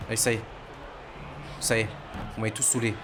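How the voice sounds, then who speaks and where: A man's voice: on the low side, flat delivery, fast talker, noisy background. A young man, a gaming streamer, commentating his basketball game in casual, boastful, slangy trash talk aimed at his viewers.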